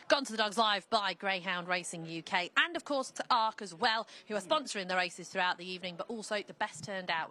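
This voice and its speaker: Female live sports presenter, bright crisp-edged tone, casual and jokey, easily amused. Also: mid-range voice. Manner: jokey, quick to laugh.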